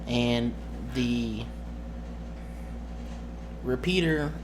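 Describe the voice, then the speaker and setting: Speaking extremely slowly in a mid-range voice, a man acting as game master talks casually and off the cuff, vlog-style. He rambles and often hunts for words, and the amateur recording carries noisy room ambience.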